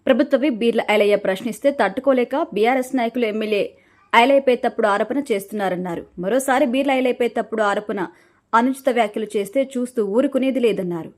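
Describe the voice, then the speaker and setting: A woman reading a formal news voice-over. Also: mid-range voice. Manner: brisk, formal. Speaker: news reporter.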